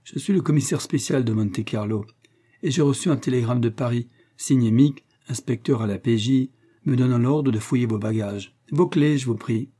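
A man voicing a stout, gruff police commissioner who talks curtly, with a husky, dark voice. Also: mid-range voice, moderate pace, natural voice. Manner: curt, gruff.

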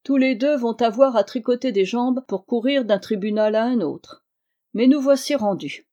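A woman narrator gives a quick-witted male reporter, his storybook lines lifted slightly in pitch and pushed louder than the narration. The tone stays mellow and dark throughout. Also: muffled recording, natural voice. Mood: amused. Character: male journalist, brisk and wry.

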